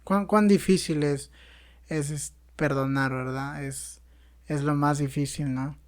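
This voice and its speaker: A man's voice: fairly high pitch, fairly even intonation, slow pace. A man with a Peruvian Spanish accent hosting a podcast, asking reflective questions with hesitant restarts. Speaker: podcast host. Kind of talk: casual interview chat.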